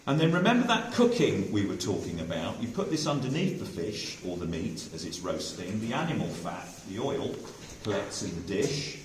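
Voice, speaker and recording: A man's voice: fairly low pitch, normal speed, hardly any pauses, noisy background. A man acting as a tour guide, explaining things to visitors underground in a cave, heard with a cave echo. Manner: lively, explanatory, addresses the group directly. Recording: echoey cave from far off with faint ambience.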